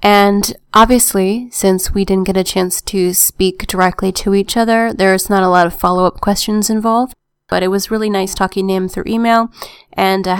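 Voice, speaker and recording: A woman's voice: mid-range voice, clean tone, no room sound, studio quality. A woman hosting a gaming podcast, introducing an interview in a friendly, explanatory way. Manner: friendly, explanatory, reads steadily. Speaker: podcast host.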